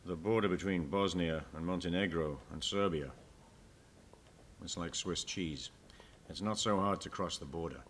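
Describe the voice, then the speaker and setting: A man whose voice has been electronically disguised, sitting very low in pitch. He answers interview questions as an informant in plain, short, matter-of-fact statements. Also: normal speed, a bit bright, a little hiss or hum.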